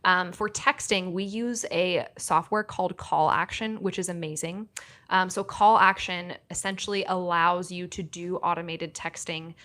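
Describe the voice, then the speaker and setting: A woman's voice: lowish voice, fairly even intonation, moderate pace, bright, forceful tone. A woman guest on a podcast, explaining tools and methods in a practical, upbeat way. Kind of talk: casual podcast interview.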